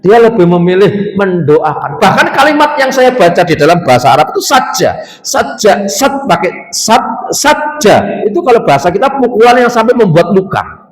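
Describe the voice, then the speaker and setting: A man preaching a sermon in an animated way, acting out the voices of the people in his stories. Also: high-pitched, normal speed. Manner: animated, acts out quoted voices, mixes in Javanese words. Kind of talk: Islamic study sermon. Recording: echoey hall, long reverb.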